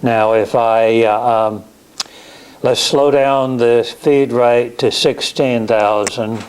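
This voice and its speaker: Slow-paced man teaching a technical class. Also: medium pitch, steady tone, darkish tone, slight background noise, low-quality recording. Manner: halting, explanatory, practical hands-on tone. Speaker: class instructor in CNC woodworking. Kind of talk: technical lecture with slides and software demo.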